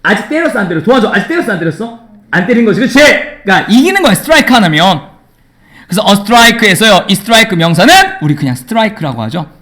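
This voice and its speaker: Lively high-voiced male teacher. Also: quick pace. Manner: lively, teasing, banters with students. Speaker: English teacher. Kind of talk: classroom grammar lecture. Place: classroom.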